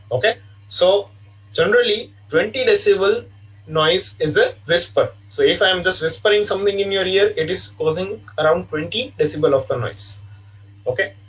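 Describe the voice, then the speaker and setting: A man giving an online engineering lecture, explaining patiently and repeating himself, with frequent "okay" fillers. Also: high-pitched. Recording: distant mic sound.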